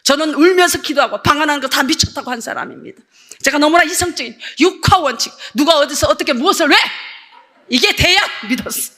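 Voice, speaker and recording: An older woman missionary gives a lively sermon testimony, acting out voices as she tells her story. Her voice sits high and bright. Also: quick pace. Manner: animated storytelling, acts out dialogue.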